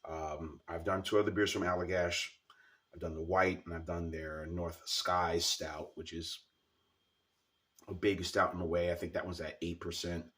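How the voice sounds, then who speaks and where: A man's voice: low voice, level tone, normal speed, a bit bright, recorded from a distance. A man with a scratchy, sore-sounding throat gives a casual, informal product review as a video host, repeating words for emphasis.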